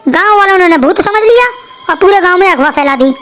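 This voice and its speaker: A brash young cartoon villager who scoffs at ghost stories, voiced by a woman. His voice sits very high, and every line comes out blunt and dismissive. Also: lively intonation, brisk, fairly bright tone, soft background music. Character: bold skeptical young village man. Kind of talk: cartoon voice acting.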